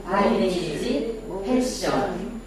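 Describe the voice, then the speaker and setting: A chatty female image-making lecturer with a Daegu Gyeongsang accent gives a casual classroom lecture, quizzing the audience and making self-deprecating asides. Her mid-range voice is expressive, with drawn-out words. The small room is very echoey, the mic is distant, and there's a loud crowd and background noise.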